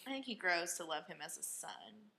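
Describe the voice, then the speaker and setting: A woman's voice: lowish voice, expressive, moderate pace, creaky, sharp tone, a little hiss or hum. A woman co-hosting a casual commentary chat about a TV episode, chatty and asking questions. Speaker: podcast co-host.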